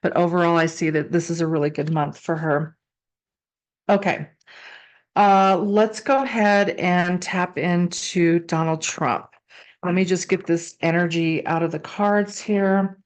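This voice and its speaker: A woman's voice: on the low side, steady tone, a little slow. A woman giving a casual, improvised tarot reading, speaking conversationally and repeating phrases for emphasis. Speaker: tarot card reader and psychic.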